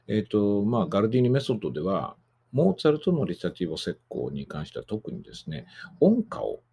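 A man's voice: on the low side, creaky, dark tone, husky. A man hosting a podcast lecture on singing diction, explaining rules patiently with frequent fillers. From Japan. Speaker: voice teacher and podcast host.

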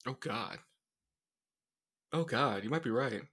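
A man's voice: medium pitch, slow pace, breathy edge. A young man co-hosting a casual comics podcast, telling stories with lots of energy. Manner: animated storyteller, does mocking voices. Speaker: podcast co-host.

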